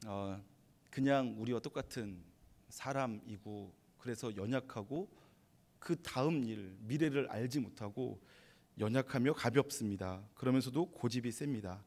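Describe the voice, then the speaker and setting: A male pastor preaching a midweek sermon in a conversational, storytelling manner. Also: mid-range voice. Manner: conversational storytelling, animated retelling.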